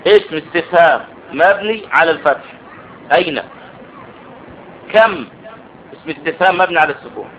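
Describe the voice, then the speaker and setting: A man teaching grammar in a classroom lesson, explaining step by step and often checking that his students follow. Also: fairly high pitch. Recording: dull lo-fi audio with faint noise.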